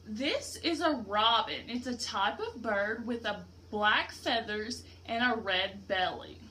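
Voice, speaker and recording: A woman teacher reads a picture book aloud to her class in a high, lively voice, taking it slowly. She stops to explain things simply and to ask her pupils questions, making it an interactive read-aloud, with some background noise present.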